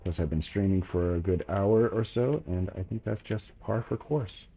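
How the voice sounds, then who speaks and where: A man's voice: deep voice, normal speed, vocal fry, dark tone, lo-fi sound, faint music behind. A man giving casual gameplay commentary as a streamer, laid-back and chatty, slangy, talking to his chat. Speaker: game streamer.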